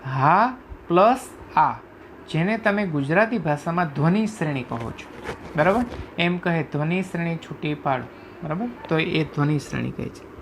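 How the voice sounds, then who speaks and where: A man teaching a class, explaining sounds slowly, reciting letters one by one and often asking if students follow. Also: a little high, noisy background. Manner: repeatedly checks understanding with "right?". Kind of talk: classroom lecture explaining Sanskrit phonetics.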